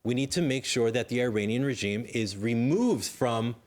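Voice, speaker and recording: A man, a panel guest, arguing forcefully and insistently. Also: medium pitch, moderate pace. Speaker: panel guest, co-founder of an initiative. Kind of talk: panel discussion.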